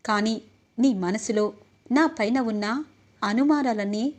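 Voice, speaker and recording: A woman's voice: on the high side, unhurried, darkish tone, close to an everyday voice. A woman reading the lines of an earnest, remorseful young husband in a retold serial scene.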